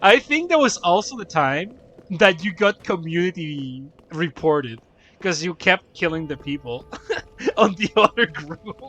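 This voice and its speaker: A man's voice: high voice, animated, a little slow, bright, forceful tone, dull audio. Laughing, swearing young man streamer. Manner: laughing, profane, rambling storytelling. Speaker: gaming streamer. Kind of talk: casual chat while playing.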